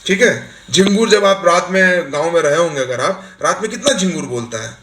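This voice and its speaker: A man's voice: high-pitched, lively intonation, brisk, fairly bright tone. A man teaching a recorded exam-coaching lecture, explaining with everyday examples and often checking that students follow. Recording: echoey room, faint hiss.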